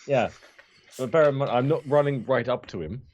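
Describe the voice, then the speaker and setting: A man's voice: medium pitch, normal speed, a little mellow. A man with a mid-range voice plays a tabletop game. He thinks aloud, stops and restarts, and talks through his plans in a casual way. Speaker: player.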